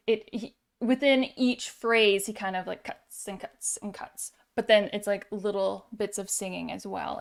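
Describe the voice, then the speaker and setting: A woman's voice: mid-range voice, creaky. A woman singer giving casual reaction commentary on a song, searching for words and stopping often with fillers.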